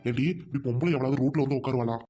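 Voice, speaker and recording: A man's voice: mid-range voice, fairly even intonation, rapid-fire, warm tone, soft background music, lightly acted. A man playing a greedy, menacing village husband. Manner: gruff, menacing orders. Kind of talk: amateur family drama acting.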